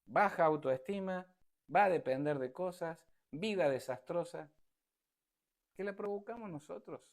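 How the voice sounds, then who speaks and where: A man's voice: a little high, measured pace. A man giving an informal lecture to an online audience over a video call, talking in a repetitive, emphatic, conversational way. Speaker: speaker giving a talk.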